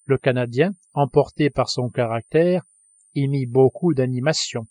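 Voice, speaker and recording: A man reading a novel aloud as an audiobook narrator, in a measured, expressive way. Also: medium pitch, no room sound. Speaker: audiobook reader.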